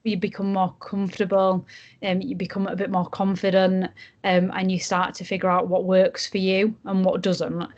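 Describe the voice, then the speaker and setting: A young woman with a broad Yorkshire accent, explaining things in a casual podcast interview with frequent ums and pauses. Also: mid-range voice, completely flat delivery, darkish tone, lo-fi sound. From Yorkshire, England. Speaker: junior barrister, podcast guest.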